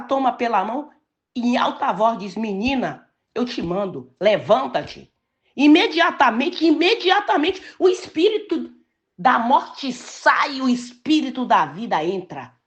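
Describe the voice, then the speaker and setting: An older woman from Brazil preaching a sermon, telling a personal story and stressing key words slowly and emphatically. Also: a little high.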